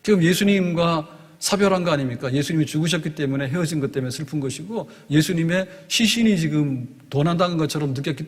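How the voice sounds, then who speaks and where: Man preaching a sermon, husky voice, slightly high pitch, long church reverb. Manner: explains in short spoken phrases, voice rising and strengthening on key words. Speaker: pastor.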